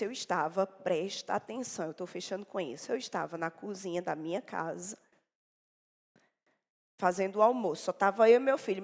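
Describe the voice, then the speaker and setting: A woman preacher giving a sermon in a church, telling a story dramatically and swinging between loud and hushed delivery. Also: medium pitch. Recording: echoey church hall.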